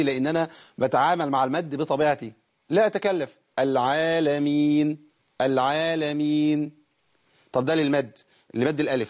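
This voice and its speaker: A man with an Egyptian Arabic accent teaching Quran recitation on a program. He poses rhetorical questions, then answers them himself, and slowly stretches out words to show how they should be recited. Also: on the high side, breathy edge. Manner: slowly draws out words to model correct recitation. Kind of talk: televised Quran recitation lesson.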